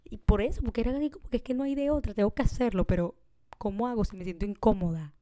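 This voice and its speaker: A chatty woman hosts a casual solo podcast, speaking quickly at a medium pitch with a dark tone and no room sound. She addresses her listeners directly, often tacking on "you know?", and slips English words into her Spanish.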